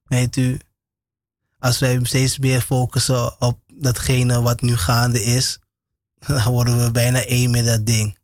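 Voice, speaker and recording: A man's voice: mid-range voice, monotone, slow, darkish tone, dry recording, clean studio sound. A man preaching an informal radio sermon, repeating phrases with many amens and short laughs.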